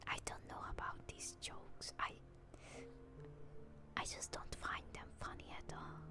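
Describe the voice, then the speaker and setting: A young Hungarian woman streaming as a VTuber whispers softly and slowly while chatting with viewers on an ASMR stream, with music in the background.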